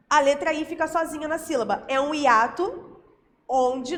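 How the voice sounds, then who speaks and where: A woman teacher with a Brazilian Portuguese accent explains a grammar lesson patiently, often checking in with quick tag questions. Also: high voice, fairly bright tone, big-room sound.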